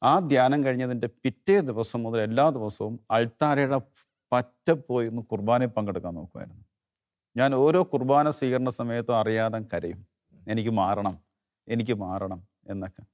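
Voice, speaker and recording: A middle-aged man from Kerala telling his personal testimony in an interview, earnest and halting, his voice sinking low and soft when he is moved. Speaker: interview guest giving testimony.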